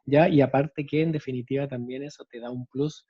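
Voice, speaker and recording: A man's voice: medium pitch, steady tone, fairly quick, slightly rough, no echo, muffled recording. A male special education teacher with a Chilean accent, giving an explanatory lecture on storytelling and often checking in with tag questions. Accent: Chilean Spanish.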